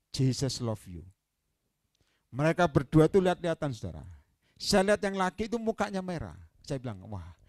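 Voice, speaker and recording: A man with an Indonesian accent touched by Javanese, preaching a sermon as an evangelist and telling stories animatedly, moving from quiet asides to loud proclamations. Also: mid-range voice, dry recording, studio quality.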